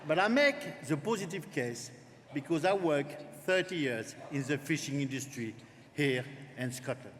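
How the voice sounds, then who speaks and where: A man with a French accent speaks at a conference lectern in a lively, joking, emphatic way, his voice fairly high. The words ring out with the long reverb of a big hall over faint background noise. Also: moderate pace. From France. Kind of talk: political conference speech.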